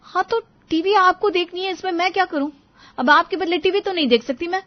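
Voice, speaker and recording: A worn-out young mother, voiced by a woman in a cartoon tale, pushing back at her in-laws in exasperation. Her voice is high and the recording sounds muffled and lo-fi. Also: moderate pace. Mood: exasperated. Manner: protesting, exasperated. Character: tired young mother, put-upon daughter-in-law.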